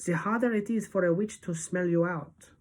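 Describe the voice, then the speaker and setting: A woman voicing a wise old grandmother who gently passes on advice, close to her own reading voice. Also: on the low side, moderate pace, close to an everyday voice. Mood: confiding.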